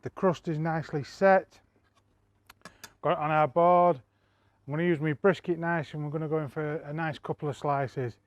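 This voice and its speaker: A man's voice: a little high, moderate pace, no echo, lo-fi sound. A man hosting a barbecue cooking vlog, talking casually and chatting straight to his viewers. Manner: relaxed, chatty, addresses viewers directly. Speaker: barbecue channel host.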